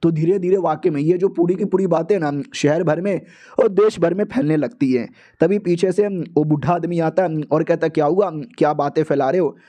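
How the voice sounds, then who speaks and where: A man's voice: on the high side, normal speed, mellow. A man narrating a comic book recap in a slangy, chatty, joking way. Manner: slangy, chatty, laughs along. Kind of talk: casual comic storytelling.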